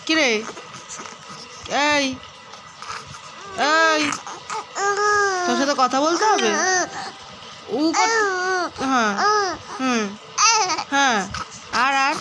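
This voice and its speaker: A woman's voice: sits high, lively intonation, drawn-out words, pauses often. A woman vlogger talking to her baby in coaxing, sing-song baby talk, asking the same questions again and again. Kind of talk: baby talk in a home vlog. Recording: loud background noise.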